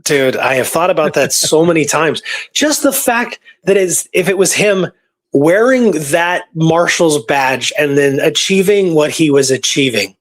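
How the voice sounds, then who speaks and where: A man working as a history researcher talks casually, sharing his findings in an informal, storytelling way. His voice is a little high, expressive and a little slow, suited to a conversational history discussion.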